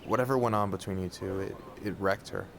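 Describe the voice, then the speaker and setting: A caring, steady friend in a game drama. The voice is on the low side, with clearly audible background noise. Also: male voice, quick pace. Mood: concerned. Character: concerned, steady man looking after a friend. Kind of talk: dramatic video game acting.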